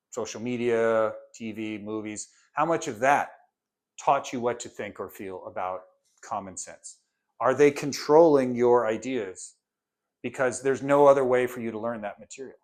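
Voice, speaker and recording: A course instructor with a medium-pitched voice lectures in a casual, conversational way. He fires off rhetorical questions and briefly acts out what his students or parents might say.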